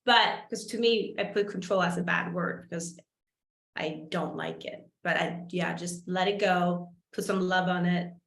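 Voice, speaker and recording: A woman's voice: fairly low pitch, steady tone, a little slow, vocal fry, a bit bright, echoey room. A woman hosting an interview, chatting casually and reflecting aloud while searching for her words. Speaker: host.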